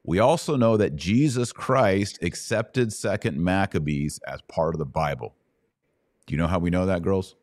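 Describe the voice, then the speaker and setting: Answering Bible questions as host, a middle-aged American man keeps things conversational, laying out explanations step by step and pausing for short comprehension checks. His low voice is animated and a little mellow, at a normal speed. The sound is dry and clean, studio-recorded.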